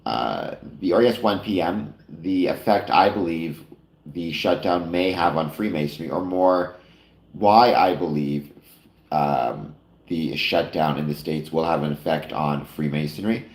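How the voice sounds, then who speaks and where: A man with a rumbling, gravelly low voice and a slight nasal quality hosts a relaxed late-night chat stream at a measured pace. He fills his talk to viewers with fillers and frequent self-corrections, and the recording echoes roomily.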